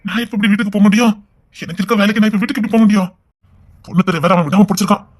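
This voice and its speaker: A man's voice: high voice, very fast. An actor with a Tirunelveli Tamil accent playing a harried, worried father who talks to himself in exasperation in a TV serial. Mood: exasperated. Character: harried middle-aged father, torn and worried. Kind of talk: TV serial acting.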